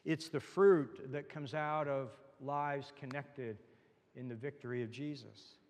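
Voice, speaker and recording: A male pastor preaching in a mid-pitched voice, earnest and plain-spoken, lifting his voice on the phrases he wants to land. He drops into casual asides to his congregation between passages. The sound carries the long reverb of a church sanctuary. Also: fairly even intonation, a little slow, a little mellow. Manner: earnest preaching, rising emphatic on key phrases. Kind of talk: sermon.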